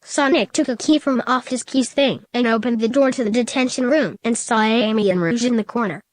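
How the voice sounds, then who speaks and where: Woman reading fan fiction aloud, fairly high voice, steady plain delivery, dry close sound. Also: a little fast, dry recording.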